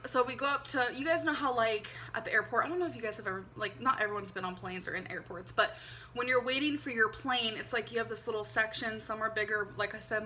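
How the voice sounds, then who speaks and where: Sitting in her bedroom facing the camera, a vlogger in her twenties tells a personal story into the camera mic. Her voice is a little high, and she's chatty and animated, gesturing with her hands and saying "um" and "like" often.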